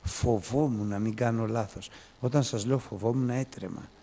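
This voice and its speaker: A man preaching a sermon, telling a story with swings from soft to loud. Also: medium pitch, fairly even intonation.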